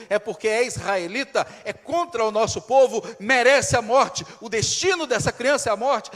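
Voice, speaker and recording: A man preaching, voicing a furious old king who scolds his daughter in a loud, rising voice, in a reverberant church hall. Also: high-pitched, pitched above the performer's own voice. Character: furious old king, stern male ruler.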